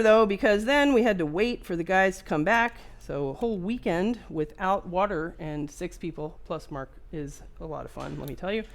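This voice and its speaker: A chatty woman talks through a repair at her workbench in a casual tutorial. She moves easily between telling a personal story and explaining each step as she works, at a mid-range pitch for a woman. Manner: chatty, lively, jumps between story and narrating her work. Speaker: microsoldering repair technician and instructor.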